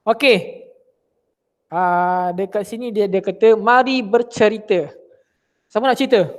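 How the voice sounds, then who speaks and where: His voice sits high and his pace is measured as this man, speaking with a Malaysian Malay accent, runs an online religion class for kids. He stays lively, peppering his pupils with questions.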